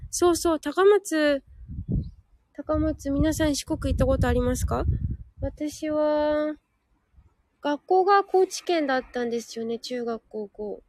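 Woman, live audio host; high voice, chatty, reads listener comments aloud and corrects herself as she goes; dry, close recording. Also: measured pace, a little mellow, no room sound. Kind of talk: casual live chat reading listener comments.

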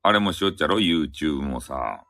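Deep-voiced Hakata man, lively chat. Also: normal speed, no echo. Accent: Hakata dialect. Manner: chatty, joking, drifting between topics. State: slightly sore throat. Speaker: live-stream host. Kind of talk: casual chat. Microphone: phone app stream mic.

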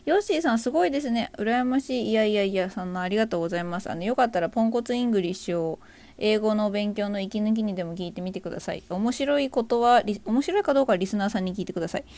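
A woman's voice: mid-range voice, very fast, darkish tone. A woman hosting a casual live audio stream, greeting listeners by name, reading their comments aloud and joking about herself. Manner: bubbly, self-deprecating, greets listeners by name. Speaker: livestream host.

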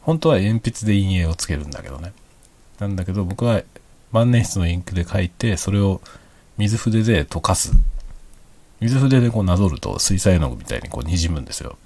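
A middle-aged man speaks in a hushed late-night voice, very deep and a little rough around the edges. He chats casually and explains things in a relaxed, easygoing way, keeping it quiet throughout. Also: fairly quick. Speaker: hobby vlogger.

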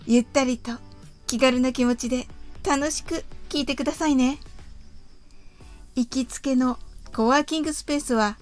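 A woman hosting an English conversation podcast, reading a lesson gently and carefully, drawing out the English examples. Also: high voice, fairly even intonation, moderate pace, long pauses, faint music behind.

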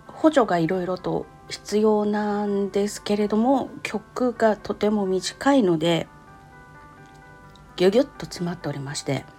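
Speaking into a personal audio diary, a woman describes what she went through using brief phrases that are casual yet polite. She has a cute, anime-like voice of medium pitch with a dark tone.

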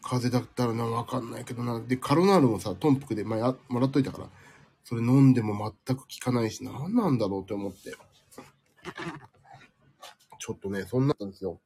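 A man's voice: medium pitch, fast, warm tone, a little hiss or hum. A man hosting a casual live stream from home, chatting with listeners in a sleepy, rambling, self-deprecating way, slightly nasal from a cold. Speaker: livestream host.

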